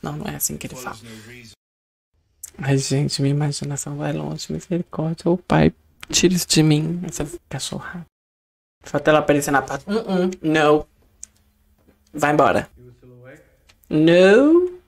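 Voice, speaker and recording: A man's voice: a little high, moderate pace, gravelly, long pauses. A man hosting a casual reaction video, talking in a dramatic, exclamatory and gossipy way. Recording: faint show music behind.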